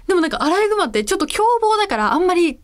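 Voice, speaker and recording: A woman voice actress hosting a casual solo radio show, telling stories in an animated, chatty way. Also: very high-pitched, rapid-fire.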